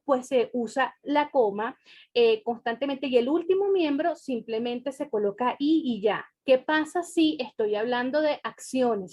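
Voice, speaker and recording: A woman's voice: fairly high pitch, darkish tone. A woman teacher giving a recorded grammar lesson, explaining step by step and checking in with her students.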